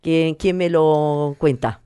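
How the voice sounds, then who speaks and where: A woman's voice: sits low, steady tone, takes it slowly, dark tone, smooth. A woman from southern Spain, hosting a casual interview and echoing her guests' words. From El Puerto de Santa María, Spain. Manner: chatty, repeats and echoes guests' words. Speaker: interviewer host.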